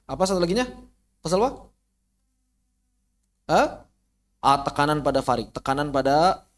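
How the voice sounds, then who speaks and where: Indonesian man teaching Quran recitation. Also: on the high side. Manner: demonstrates sounds with drawn-out syllables, asks and answers his own questions; casual, mutters to himself while fixing slides. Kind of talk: online tajwid lesson.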